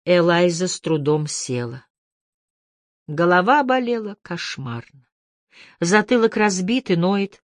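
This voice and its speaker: A woman's voice: lowish voice, very animated, slow, pauses often, dry recording. Woman reading a novel, dry close sound. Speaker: audiobook narrator. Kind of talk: literary audiobook narration.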